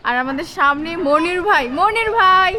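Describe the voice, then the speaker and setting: High-voiced Bangladeshi woman hosting a vlog. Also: lively intonation, moderate pace, noisy background. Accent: Bangladeshi Bengali. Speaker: vlog host. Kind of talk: casual chat to camera and companions. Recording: outdoor crowd chatter behind.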